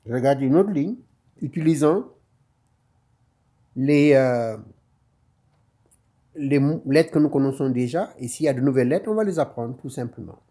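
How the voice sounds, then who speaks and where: A man teaching Quran reading in a slow, patient lesson, explaining each letter and repeating the phrase in a drawn-out recitation. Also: mid-range voice, animated, warm tone.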